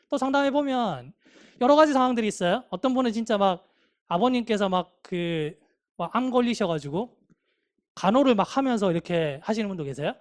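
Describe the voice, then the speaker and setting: An English grammar teacher in the middle of a classroom lecture, drifting into a motivational aside. The delivery is chatty and emphatic. Rhetorical questions keep nudging the students along. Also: medium pitch. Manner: acts out quoted speech of students.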